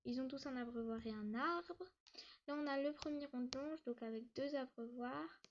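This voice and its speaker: A woman's voice: high-pitched, slight background noise. Hesitant woman with a muffled lo-fi mic. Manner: hesitant, many fillers and restarts; talks fast, says she struggles to catch her breath. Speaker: YouTuber giving a tour of her game map. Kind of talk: casual gameplay tour narration.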